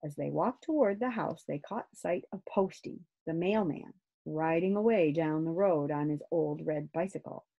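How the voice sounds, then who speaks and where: A woman reading a children's book aloud in a gentle, expressive way. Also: low voice, normal speed, creaky, lo-fi sound. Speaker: storyteller.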